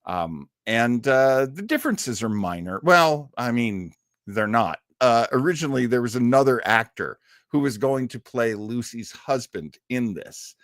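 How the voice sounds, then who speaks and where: With lively intonation and a slightly slow pace, a medium-pitched male actor banters with viewers on a casual livestream, often chuckling. The recording is dry and of studio quality.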